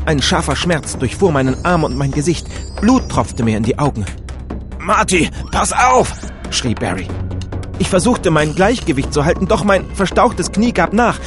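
A man reading a first-person story aloud in a dramatic, animated way, switching into voices for the characters. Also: a little high. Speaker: audiobook reader.

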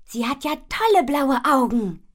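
A woman voicing a cheeky, bossy little fairy girl in a children's audio story, high and excited. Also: unhurried. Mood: eager.

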